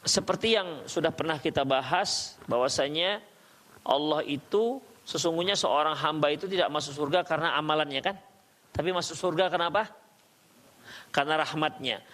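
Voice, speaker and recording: A man's voice: on the high side, fairly bright tone. A man giving a religious study lecture as a preacher. He recites Arabic verses and keeps the talk conversational by quizzing his listeners. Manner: conversational, quizzes the audience with questions. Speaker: Islamic preacher teaching a study circle.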